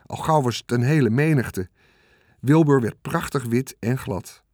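A man reading a children's storybook aloud as narrator, in a calm, measured way. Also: mid-range voice, dry recording, studio quality.

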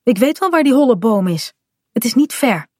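A woman's voice: fairly high pitch, very animated, normal speed, no echo, studio quality, pitched above the performer's own voice. A woman voicing a cheeky, playful little pirate boy in a children's storybook.

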